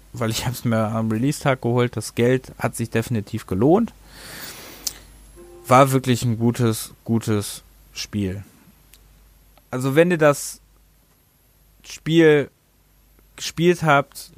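This podcast host has a mid-range voice recorded without echo. He runs a casual show reviewing games, wandering off on tangents, tripping on words, and fixing what he just said.

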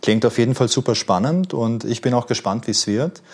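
A man's voice: medium pitch, fairly quick, husky. A man hosting a casual interview, asking friendly, curious questions with a few fillers. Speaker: host.

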